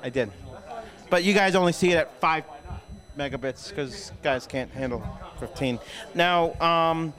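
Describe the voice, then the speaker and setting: Young male host, slightly high voice, rambling, casual recap chat. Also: a little slow, a bit bright. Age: young adult. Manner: rambling, with fillers and restarts.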